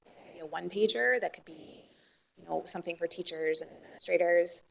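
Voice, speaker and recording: A woman's voice: lowish voice, quick pace, creaky, rough recording. A woman on the board staff explaining plans at a formal meeting and correcting herself as she goes.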